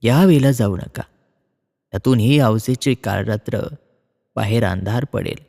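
A man's voice: on the low side, measured pace, vocal fry, dark tone, voice pushed down. A man voicing a caring old village woman who warns a traveller to stay the night, in a storybook reading. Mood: earnest warning. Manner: earnest warning. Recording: long reverb.

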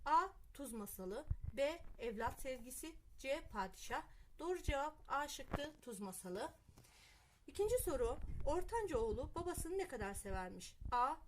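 A woman reading out test questions to young pupils and explaining each answer in a clear, patient way. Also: high voice, sing-song, normal speed, a little hiss or hum.

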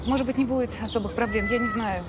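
An actress playing a cautious orphanage administrator who explains things in a measured, official manner in a TV drama. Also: female voice, a little high, fairly even intonation, noisy background, close to an everyday voice. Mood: cautious, formal. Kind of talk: TV drama acting. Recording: loud music under the dialogue.

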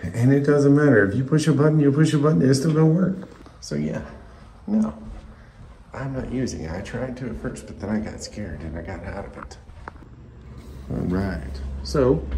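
A man's voice: medium pitch, noisy background. A man giving casual, rambling travel vlog narration with wry, self-deprecating asides. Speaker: travel vlogger.

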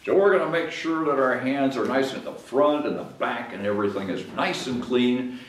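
The recording has a little hiss or hum and a roomy, echoing indoor quality. It captures a sixties-aged mayor at a library story time, expressively reading a picture book to children in simple language at a table in a small meeting room with a whiteboard. He speaks at medium pitch and normal speed.

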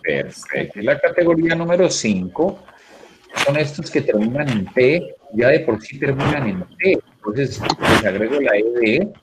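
A man teaching a basic English class online, drilling pronunciation by repeating words slowly and urging his students on. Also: medium pitch, expressive, noisy background.

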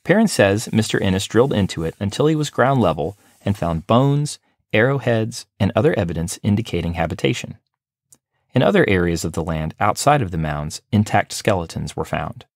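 A man hosting a library podcast, reading a scripted local history in a steady, measured way. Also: on the low side, no echo, clean studio sound.

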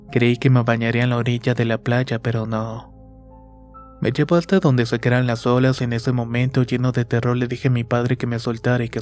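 Man, horror story narration, slow and measured, flat delivery, faint music behind. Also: medium pitch. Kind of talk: scripted first-person horror narration.

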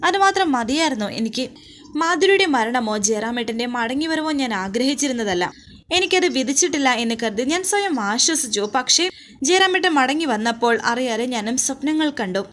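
Brief: grieving widow, read by a woman, anguished pleading questions, bright tone. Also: high voice, animated, fairly quick, slight background noise. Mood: grieving, reproachful.

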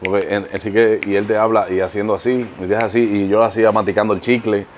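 A man's voice: fairly low pitch, quick pace, a little hiss or hum. A Dominican man, an impressionist comedian, telling stories and explaining his craft in a casual interview. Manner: lively storytelling, explains with examples.

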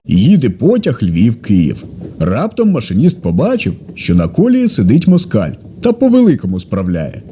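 A man reading jokes aloud, slowing down for the punchlines. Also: mid-range voice, huge pitch swings, mellow, a little hiss or hum. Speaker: joke teller.

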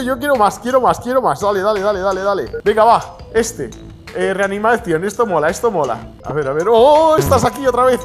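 A man commentating on a game, his pitch leaping all over as he shouts, laughs and then mutters to himself. Music plays clearly under his voice. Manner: loud bursts of shouting and laughter between mumbled asides. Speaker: gaming video host. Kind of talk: excitable gameplay commentary. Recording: music playing behind.

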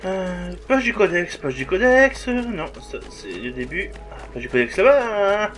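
A man's voice: high-pitched, sing-song, takes it slowly, fairly bright tone, faint music behind. A man with a swearing, joking manner, giving a let's play commentary and talking back to the game. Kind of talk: gameplay commentary.

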